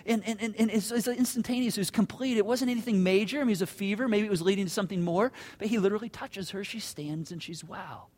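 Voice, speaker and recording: High-voiced earnest male preacher. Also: quick pace, hardly any pauses. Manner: earnest, repeats words when building a point; drops to a soft, low voice on solemn lines. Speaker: pastor. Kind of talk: sermon.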